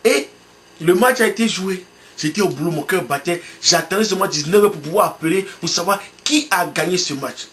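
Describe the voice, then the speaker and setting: High-voiced man telling an animated story. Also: fairly quick, a little hiss or hum. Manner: animated storytelling, acts out his own excitement. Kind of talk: sermon illustration told as a story.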